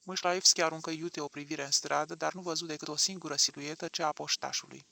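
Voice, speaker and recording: A man narrating an audiobook with an expressive, dramatic reading. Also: on the high side, creaky.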